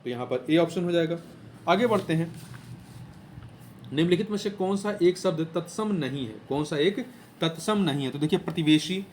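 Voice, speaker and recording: A man's voice: fairly high pitch, animated, moderate pace, slight background noise. A male teacher going through exam questions one by one, repeating key words and asking and answering his own questions. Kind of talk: explaining Hindi exam answers.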